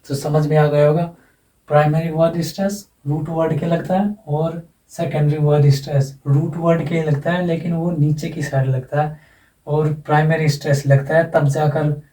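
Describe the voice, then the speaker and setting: Male tutor with a mellow tone, patient and repetitive, recorded in a roomy space. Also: on the high side, fairly even intonation. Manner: explains slowly with repetition and asides. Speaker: teacher. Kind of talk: classroom lecture on English phonetics. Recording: echoey room, from far off.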